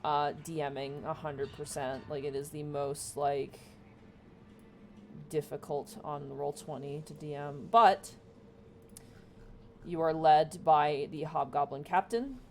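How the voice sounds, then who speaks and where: A woman's voice: sits low, fairly even intonation, slow pace. A woman game master improvising narration for an online tabletop game, recorded with faint noise. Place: online voice call for a virtual tabletop. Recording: faint noise on home microphone.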